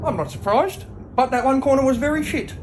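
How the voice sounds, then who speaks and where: Man acting as brazen football coach, crude, cheeky, halting deadpan delivery, comedy sketch interview. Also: extremely high pitch, slight background noise. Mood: defensive, cheeky. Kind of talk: mock sports interview.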